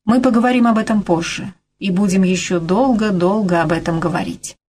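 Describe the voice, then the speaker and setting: A woman reading a calm, steady male reporter. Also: mid-range voice, brisk, natural voice. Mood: tender. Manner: calm, businesslike. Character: calm, determined male TV journalist.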